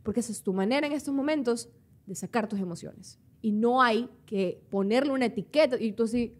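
A woman's voice: fairly high pitch, fairly quick. A woman co-hosting a podcast, rambling in a self-mocking way and slipping English words into her casual chat. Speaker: podcast co-host.

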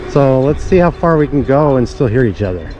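While out riding on a suburban street, a middle-aged vlogger chats casually and ramblingly to viewers, tossing in jokey asides. His mid-range voice is brisk, with lively intonation, and the dull action-camera audio picks up outdoor street noise.

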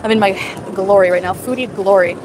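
A woman in her thirties, medium-pitched and talking a little fast, livestreams from an outdoor night market on a phone held at arm's length. Chatty and casual, she reads viewers' names from the chat between bites of food. Loud music and other noise fill the background.

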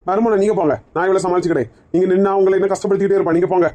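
Voiced by a woman, this is a relative with a Kanyakumari accent who mocks the bald aunt. The lines race by at a very rapid clip, needling and pleading by turns. It is a broad slang comedy sketch. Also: on the low side, fairly even intonation, mellow, lightly acted. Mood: coaxing. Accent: Kanyakumari Tamil.

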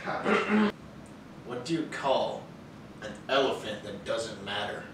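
A young man casually telling jokes and bantering with a friend, bro-ish and quick to laugh. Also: fairly low pitch, very animated, vocal fry. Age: young adult. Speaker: contestant in a try-not-to-laugh joke challenge. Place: living room couch, indoors. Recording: echoey room, distant mic, faint noise.

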